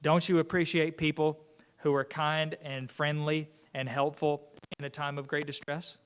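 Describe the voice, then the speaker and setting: A man's voice: on the high side, level tone, moderate pace, clear, resonant tone. A man teaching an unscripted Bible class lesson in a conversational way, often restarting his sentences. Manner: conversational, many restarts and fillers.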